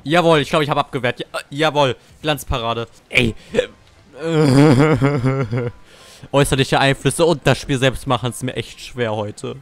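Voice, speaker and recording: A man's voice: medium pitch, measured pace. A young man giving casual gameplay commentary, cursing and ranting at his teammates. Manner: salty, swears and rants at teammates. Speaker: gamer.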